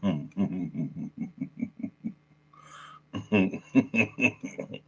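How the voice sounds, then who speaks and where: The audio is dull, and the man's voice sits low, gravelly and slightly rough, moving extremely slowly. He is a livestream host in his fifties whose casual talk is brash, slangy and heavily profane, with phrases repeated for emphasis.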